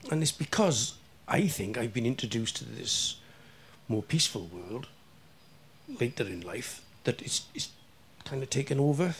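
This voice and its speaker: A middle-aged man with a South Wales Valleys accent, chatting candidly in anecdotes, animated and emphatic, often repeating words to drive a point home. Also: mid-range voice, measured pace, slight background noise.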